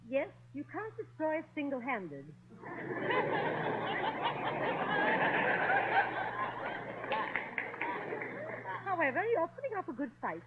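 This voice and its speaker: A woman's voice: very high-pitched, huge pitch swings, extremely slow, pauses often, a bit bright, some chatter behind, exaggerated voice. A woman with an English accent playing a dry-witted English lady who answers with cutting quips, in 1940s radio comedy style. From England. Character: sharp-witted English lady guest, unimpressed. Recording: noisy old radio broadcast.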